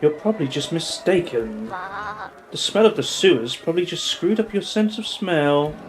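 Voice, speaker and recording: A man's voice: a little high, big pitch swings, moderate pace, pitched above the performer's own voice, low-quality recording. Man putting on a sly, flirty lady cat burglar. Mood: defensive. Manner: drawling, teasing sarcasm. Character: sly, flirty female cat burglar, world-weary barfly. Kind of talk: game character voice acting.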